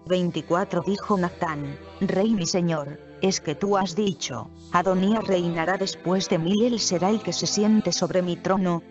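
Scripture reader, measured and steady, announces verse numbers, slightly muffled audio with soft music bed. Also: mid-range voice. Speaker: Bible reader. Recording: dull recording with faint music behind.

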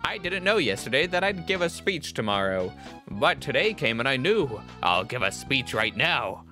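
A man's voice: mid-range voice, very animated, normal speed, sharp tone, soft background music. A man voicing a haughty, insulting male toy lord in a game, sneering and theatrical with a goblin-like voice. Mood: pompous.

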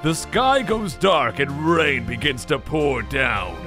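A man with a fairly high voice hams it up like an overacting stage actor. He narrates a mock-dramatic storybook scene with lively swings in pitch and exaggerated exclamations. Music plays behind him. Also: takes it slowly. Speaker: video creator, narrator.

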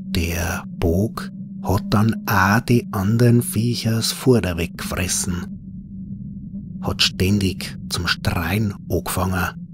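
In an unhurried, folksy manner, a man with a fairly low voice and a Bavarian accent narrates a scripted horror story in dialect.

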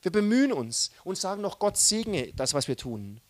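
Guy preaching a sermon, fairly high voice, swings from loud bursts to soft hushed bits. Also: moderate pace. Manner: animated, mixing loud outbursts with soft asides. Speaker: pastor.

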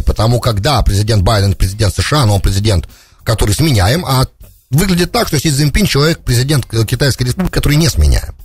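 A husky, medium-pitched voice belongs to a middle-aged radio host doing off-the-cuff political commentary. He's close on a boom-arm studio broadcast mic with no room sound, and he scatters English terms throughout his speech.

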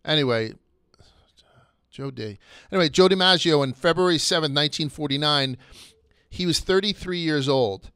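A slightly high-voiced man hosts a loose history podcast, chatty and crude. His voice is smooth and clear. The sound is close and dry. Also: moderate pace, long pauses, fairly bright tone, no echo. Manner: chatty, crude jokes, goes off on tangents. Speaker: podcast host. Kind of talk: casual history podcast chat.

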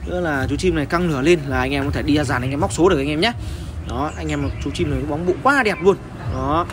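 A young man from Vietnam hosting a casual sales vlog, chatty and full of fillers as he pitches birds to viewers. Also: fast, over music. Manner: chatty, many fillers and repeated address to viewers. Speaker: bird seller, channel host. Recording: loud background noise.

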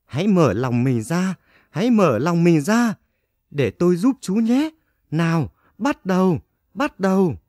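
A man's voice: high voice, very animated, a little slow, a little mellow, dry recording, studio quality. A man voicing a kindly, hearty wind spirit in a children's storybook, emphatic and encouraging. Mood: hearty encouragement. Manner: emphatic, encouraging, repeats phrases.

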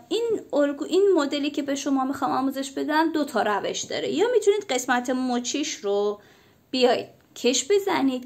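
A woman with a cold, chatting to viewers as she explains a sewing pattern step by step. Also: on the high side. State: has a cold. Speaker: sewing instructor. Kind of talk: casual tutorial.

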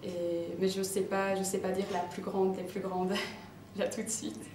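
Young woman interviewee, shy; slow, flat, distant and roomy. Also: medium pitch. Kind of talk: casual interview answers. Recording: echoey room, distant mic, noisy.

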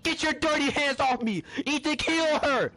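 A young man streaming horror games, panicking and yelling slangy reactions in fright. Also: very high-pitched, normal speed. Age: young adult. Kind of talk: loud reaction commentary, slangy. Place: small indoor streaming room. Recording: noisy, overdriven shouting over game audio.

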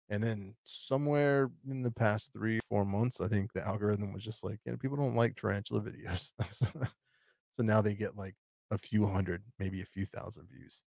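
A man with a lowish, darkish voice hosts a live stream for his tarantula channel, recorded with clean studio sound and no room echo. He rambles casually through viewer questions, with plenty of fillers and restarts.

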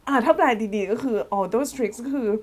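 A woman teaching English in a casual way, slowly explaining a song line by line, playfully flustered and giggly. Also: on the high side, animated. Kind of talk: casual song translation lesson.

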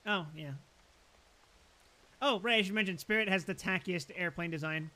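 Bright-voiced joking young man. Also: sits high, normal speed. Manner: animated, laughs often, joking. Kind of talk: casual chat among friends.

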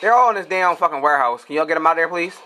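A man's voice: a little high, very fast. A young man, trash-talking his teammates while commenting on his own gameplay. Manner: excitable, profane trash talk. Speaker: gamer.

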